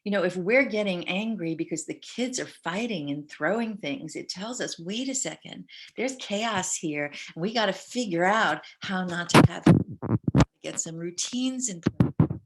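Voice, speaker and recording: A woman's voice: on the low side, lively intonation, unhurried. An older woman speaking as a parenting educator on a video call webinar, talking in a conversational way and often quoting what parents and kids say. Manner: warm conversational, quotes herself and others. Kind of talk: online parenting webinar talk.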